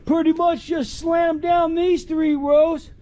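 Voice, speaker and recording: A man's voice: very high-pitched, little pitch movement, takes it slowly, dark tone, slight background noise. A man hosting a casual on-site how-to, talking loosely as he works in a backyard and often saying "pretty much" and "okay?". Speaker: contractor host. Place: outdoor backyard work site.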